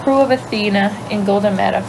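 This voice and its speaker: This livestream host is a young Louisiana woman with a faint Cajun accent who talks fast as she casually fields viewer questions. She thinks aloud and lets her thoughts fade into quiet asides; her mid-range voice comes through a phone microphone amid background noise.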